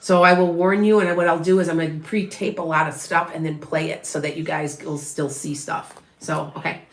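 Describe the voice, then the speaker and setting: Speaking quickly in a deep voice with a flat delivery, this middle-aged Wisconsin woman does a live psychic reading, chatting with her viewers and rambling with many restarts and side comments. Her accent is Upper Midwest, from northwest of Chicago, and the sound is roomy.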